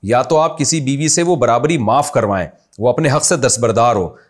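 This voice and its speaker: Pakistani-accented male scholar, mid-pitched, chatty and explanatory in a Q&A talk. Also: moderate pace. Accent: Pakistani Urdu. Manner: conversational, explains with examples. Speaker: Islamic scholar answering questions. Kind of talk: question-and-answer religious talk.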